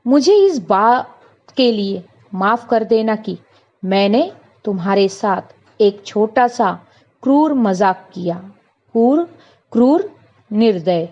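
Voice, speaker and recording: A woman voicing a stern male employer who loudly scolds and then lectures a timid servant, in a read-aloud lesson. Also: fairly high pitch, lively intonation, slow pace, long pauses, heavily acted. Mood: firm lecturing. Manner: loud, raised, indignant lecturing. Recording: dull lo-fi recording.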